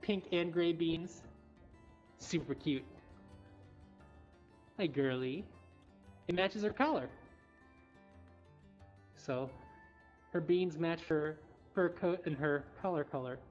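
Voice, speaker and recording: Indoors at a cat cafe, a woman runs a laid-back livestream, chatting informally and cooing affectionately at the animals. She speaks slowly, with long pauses, in a low-pitched, darkish voice. Music sits behind the dull livestream audio.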